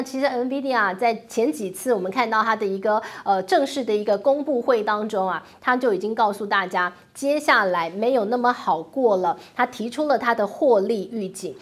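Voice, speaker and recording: A woman hosting a finance commentary show, talking in an animated way, full of rhetorical questions and wry asides. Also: fairly high pitch. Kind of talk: talk-show commentary on the economy.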